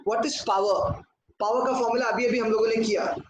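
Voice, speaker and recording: A man teaching a lesson in a very high register, and he answers the questions he puts to the class. His voice rings around a hard, echoey room, and there is steady noise behind it. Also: moderate pace. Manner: talks at a board, asks and answers his own questions, mixes in English. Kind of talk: classroom lecture.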